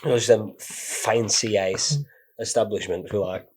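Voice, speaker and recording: A young man, co-hosting a podcast while sick with the flu, talking in a laid-back, sweary way and trailing off quietly. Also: on the low side, steady tone, unhurried, breathy edge. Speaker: podcast co-host. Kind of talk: casual chat.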